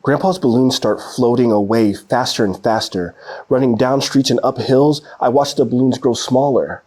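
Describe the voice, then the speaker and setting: Reading a children's picture book aloud, a man gives it an expressive, storytelling delivery at a moderate pace and medium pitch.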